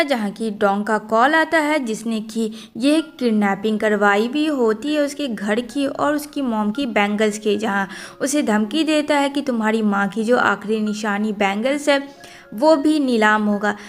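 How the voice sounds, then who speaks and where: Woman, movie recap narrator, brisk storytelling, higher voice, soft background music.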